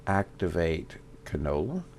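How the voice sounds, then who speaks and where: A man with a Southern US accent giving casual gameplay commentary, thinking aloud with fillers and pauses. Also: sits low, sing-song, a little mellow, slight background noise. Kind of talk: casual let's-play commentary.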